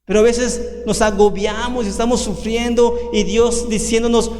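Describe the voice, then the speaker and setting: A man preaching a sermon as pastor, asking rhetorical questions and stretching key words out slowly. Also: very high-pitched, level tone, a little mellow. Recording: echoey hall with long reverb.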